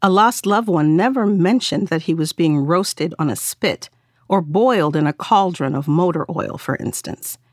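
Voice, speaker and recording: A woman reading a novel aloud as narrator, in a wry, measured storytelling manner. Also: on the low side, no echo, studio quality. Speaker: audiobook narrator. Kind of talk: scripted narration.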